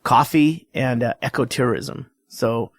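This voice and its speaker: A man co-hosting a podcast, making dry jokes in a halting, casual way. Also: mid-range voice. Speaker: podcast co-host and producer. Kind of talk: casual chat.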